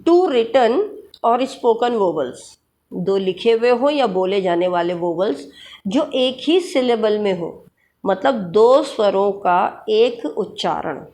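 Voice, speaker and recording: Give me a woman teacher, speaking slowly, who reads exam questions in English and explains them in Hindi. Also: mid-range voice, expressive, dark tone. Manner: spells out terms letter by letter. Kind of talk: exam-prep lecture mixing Hindi and English.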